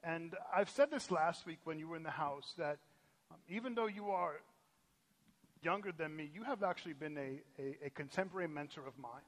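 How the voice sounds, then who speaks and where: A pastor hosting a lively church service, joking and energetic, often tripping over restarts. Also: male voice, fairly high pitch, a little fast. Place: church sanctuary.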